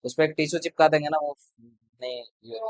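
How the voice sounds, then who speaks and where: A man's voice: a little high, animated, a little fast, vocal fry, no room sound, poor audio. A man tutoring a class, talking casually and bluntly to his students between problems. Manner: blunt, chatty, lecturing. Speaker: math tutor.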